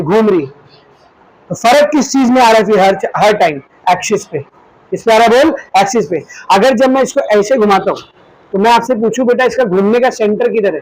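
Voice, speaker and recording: A man's voice: high-pitched, dry recording, low-quality recording. A male physics teacher with an Indian accent, lecturing a class and asking questions he answers himself, demonstrating with objects as he explains. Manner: asks the class questions and answers them himself, calls students "beta".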